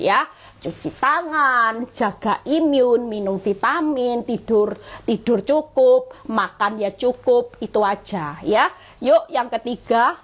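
A middle-aged woman evangelist, preaching a lively sermon on a live stream and acting out quotes. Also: a little high.

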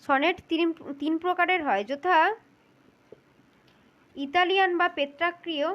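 A woman with a very high voice talks through exam answers as a spoken lesson. She works methodically, repeating each key point and speaking directly to the listener. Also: steady tone, a little slow, lo-fi sound. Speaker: teacher for exam interview prep.

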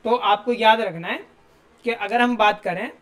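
A man's voice: sits high, unhurried, fairly bright tone. A male teacher, giving a classroom grammar lesson and explaining step by step while asking his students questions.

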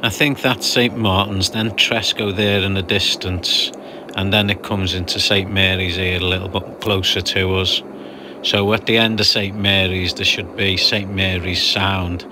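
A man's voice: sits low, level tone, a little slow, background noise. A man narrating his sailing trip in a chatty, explanatory voice-over with dry humour. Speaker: sailing vlogger narrating a passage.

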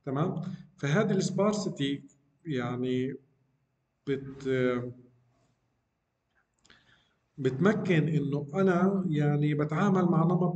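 A man's voice: a little high, darkish tone, reverberant. A middle-aged man giving a university lecture, explaining step by step and often checking in with "okay?". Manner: explanatory, frequent check-ins asking "okay?", mixes English technical terms. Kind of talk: university lecture on deep learning.

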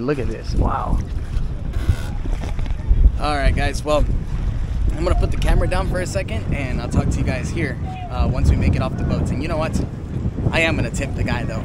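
Filming himself at arm's length with an action camera on a small boat, a medium-pitched man in his thirties chats to viewers for a casual travel vlog. He's chatty and direct to camera, tossing in opinionated asides, while wind, water and boat noise run underneath.

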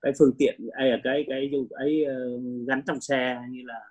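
An older man with a Vietnamese accent practicing English pronunciation, halting and repeating words as a learner. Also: mid-range voice, fairly even intonation, a little mellow, low-quality recording.

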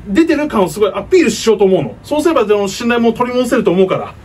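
A man with a very high voice performs a comedy sketch as a flustered workplace boss. His delivery is animated and rapid, with repeated words in quick bursts. He sounds a little away from the mic in a slightly noisy room. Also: breathy edge, far from the mic. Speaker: comedy sketch performer playing a pachinko parlour manager. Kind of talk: comedy sketch dialogue, casual workplace talk.

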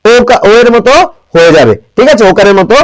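A young male teacher from Bangladesh runs an exam-prep grammar lesson in a fairly high voice. He keeps asking his students questions and answers them himself. He says each example word slowly, more than once. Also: animated, no echo, poor audio. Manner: drills pronunciation with constant rhetorical questions; repeats words slowly for emphasis.

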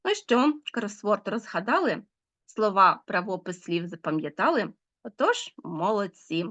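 A woman's voice: mid-range voice, big pitch swings, measured pace, fairly bright tone. A woman teacher giving a recorded language lesson to schoolchildren, patiently explaining and asking them questions. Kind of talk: online language lesson for children.

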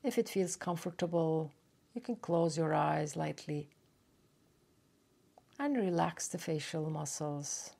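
A deep, gravelly female voice with animated delivery leads a yoga nidra meditation for relaxation. She speaks gently and slowly, with long pauses.

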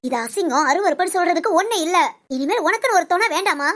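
A woman's voice: very high-pitched, animated, fast talker, fairly bright tone. A woman voicing a coaxing older woman friend. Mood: persuasive. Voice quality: coaxing, insistent. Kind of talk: audio story role-play.

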